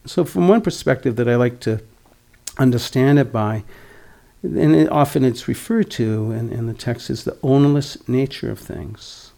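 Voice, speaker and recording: A man's voice: medium pitch, normal speed, vocal fry, warm tone. A man in his sixties giving a dharma talk as a meditation teacher, reflective, with wry, humorous asides. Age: 60s.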